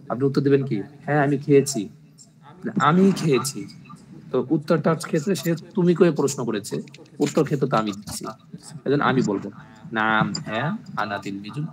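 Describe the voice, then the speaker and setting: A man teaching a language class, explaining slowly and patiently and repeating each phrase with its translation. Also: medium pitch. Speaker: Arabic teacher. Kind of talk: online language class in Bengali. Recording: noisy recording with clicks.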